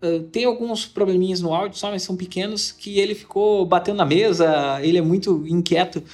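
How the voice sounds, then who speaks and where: A Brazilian Portuguese-accented man hosts an interview podcast, opening with a casual intro in an enthusiastic, rambling manner. His voice is high, brisk, and darkish in tone, with faint music playing behind him.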